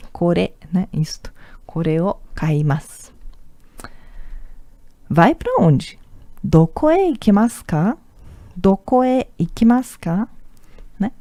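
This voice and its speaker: A woman's voice: fairly low pitch, mellow, no echo. A woman with a Brazilian Portuguese accent teaching an online language lesson, patient and repetitive, often checking in with the listener. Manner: patient, repeats words often, tag questions. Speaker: Japanese teacher.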